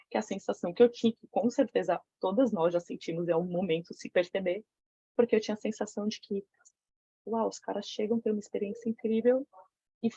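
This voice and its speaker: A Brazilian woman leads a women's circle, speaking in a mellow, husky voice and telling a candid story. She talks frankly and profanely, full of slang. The recording is dull and lo-fi. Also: medium pitch, no room sound. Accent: Brazilian Portuguese. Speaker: women's tantra circle facilitator. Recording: dull lo-fi sound.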